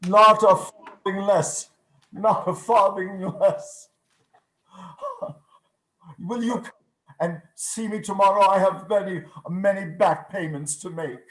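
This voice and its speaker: A man's voice: sits high, fairly even intonation, takes it slowly, long pauses, a bit bright. A man playing Scrooge as a giddy, generous old miser turned joyful, effusive and exclamatory in a radio play reading. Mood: contrite, eager. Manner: exclamatory, effusive, repeats phrases for emphasis. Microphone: video call. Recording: roomy, echoing video call.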